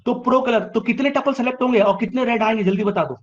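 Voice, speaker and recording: A man tutoring a live online class, asking questions and answering them himself, teasing students to reply quickly. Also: very high voice, dull audio.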